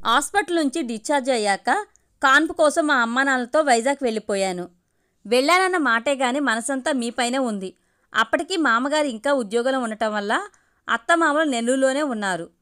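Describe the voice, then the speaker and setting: A woman reading a first-person story aloud in a steady, intimate way. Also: sits high, a little fast, smooth. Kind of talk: scripted story narration.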